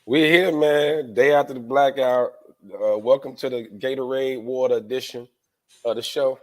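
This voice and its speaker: A man's voice: medium pitch, steady tone, normal speed, a little mellow. A man co-hosting a podcast, chatting loosely and informally with his friends. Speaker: podcast co-host. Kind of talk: casual chat among friends.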